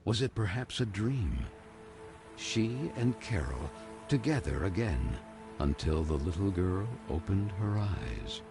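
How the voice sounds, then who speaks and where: Very deep, gravelly storybook narrator. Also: male voice, sing-song, slow, full character voice. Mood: solemn, wondering. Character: solemn, storybook narrator of a dark fairy tale. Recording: music under the narration.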